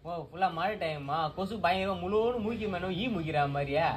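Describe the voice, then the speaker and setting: Cheeky fast-talking man in a sketch. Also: sits high, slight background noise. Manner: argumentative, cheeky. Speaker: comedic son character. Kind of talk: comedy sketch acting.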